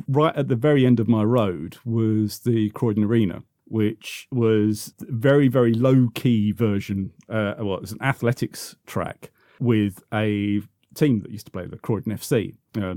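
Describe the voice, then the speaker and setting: Speaking with a London accent, this fifty-something football podcaster from South London looks back casually as an interview guest, hesitant and frequently correcting himself as he rambles. His voice sits mid-range and sounds mellow, captured at studio quality without echo.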